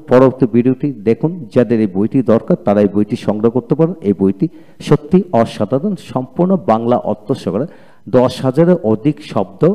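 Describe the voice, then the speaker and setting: Male pronunciation teacher with a Bangladeshi accent, mellow dark voice, repeats and spells words in a steady drill. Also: medium pitch. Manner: repeats each word twice, spells letters aloud. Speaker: English teacher.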